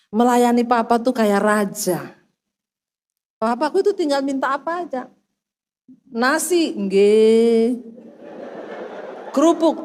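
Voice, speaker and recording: A woman's voice: fairly high pitch, darkish tone, pitched below the performer's own voice. A woman doing her drawling, devoted husband. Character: husband, middle-aged man, doting son.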